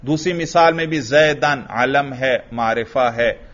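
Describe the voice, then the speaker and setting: A man's voice: medium pitch, unhurried, fairly bright tone. A man teaching a grammar lesson, drilling his class with questions and answering them himself. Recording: dull lo-fi recording.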